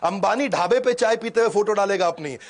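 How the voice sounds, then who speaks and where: Man, high pitch, animated motivational speaker, emphatic. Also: brisk. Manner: energetic, emphatic, swings between loud bursts and quiet drops.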